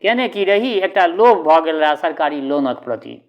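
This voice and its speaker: A man's voice: fairly high pitch, big pitch swings, moderate pace, muffled recording. A man reading a short story aloud in a conversational way, turning to the listener with little asides.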